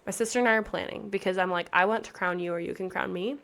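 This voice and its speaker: A woman's voice: mid-range voice, steady tone, fast talker, gravelly, a bit bright. A woman in her thirties, a pageant coach, talking on her podcast in a chatty, earnest, motivational way with lots of emphasis. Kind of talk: casual podcast chat.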